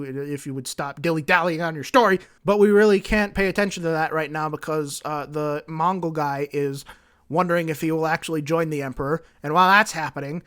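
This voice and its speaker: A man's voice: fairly high pitch, a bit bright. A man giving a rambling, flippant comedic summary of a story. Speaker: lore video creator.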